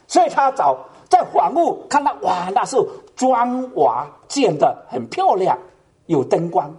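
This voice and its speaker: A man's voice: high voice, very animated, a little slow, a little mellow, breathy edge. A man preaching, telling a story dramatically with frequent exclamations. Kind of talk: sermon storytelling.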